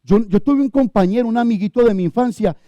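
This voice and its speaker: A man with a Colombian accent preaching a sermon as pastor of a church, emphatic, with loud high bursts and low quiet stretches. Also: quick pace, no room sound, muffled recording. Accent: Colombian Spanish.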